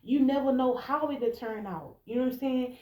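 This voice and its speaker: With a high, darkish voice at a moderate pace, a roughly thirty-one-year-old American woman speaks straight to the listener. She offers casual, emphatic, blunt advice on relationships in an informal monologue, and the echoey recording carries faint background noise.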